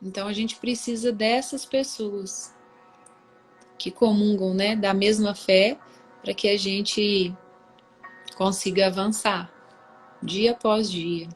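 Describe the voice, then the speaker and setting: A woman's voice: medium pitch, fairly even intonation, slow pace, pauses often, soft background music, rough recording. A woman hosting a live book reading, talking in a casual devotional way over a video call and often tagging her sentences with questions. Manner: warm, conversational, with many tag questions.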